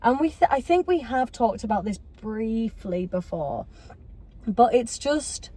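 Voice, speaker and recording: A woman's voice: a little high, animated, warm tone. A woman, co-hosting a podcast in rambling, self-interrupting casual chat. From Yorkshire, England. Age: 20s. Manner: rambling, self-interrupting, quick to laugh along. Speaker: podcast co-host.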